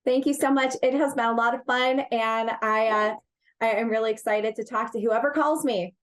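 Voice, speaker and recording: In an interview, a woman who works as an executive search partner and HR director describes her work earnestly, emphatically and with repeated phrases. She has a fairly high pitch and a steady tone, and speaks at normal speed.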